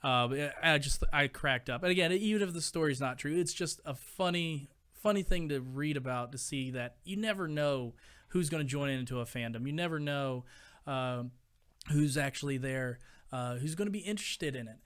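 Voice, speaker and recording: A man's voice: a little high, moderate pace, a bit bright, smooth. A young adult man hosting a live stream, telling stories to his chat in a chatty, rambling way with lots of fillers. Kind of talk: casual storytelling to a live chat.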